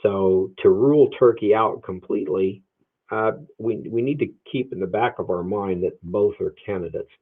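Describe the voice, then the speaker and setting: A man's voice: on the low side, normal speed, husky. A man teaching Bible prophecy who answers viewer questions on a livestream, thinking aloud with hedges and many restarts. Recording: phone-like narrow sound.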